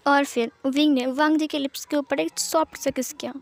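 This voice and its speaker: High-voiced woman narrating a romance story. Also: steady tone, moderate pace. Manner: simple, chatty narration with asides to listeners. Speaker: fan-fiction narrator.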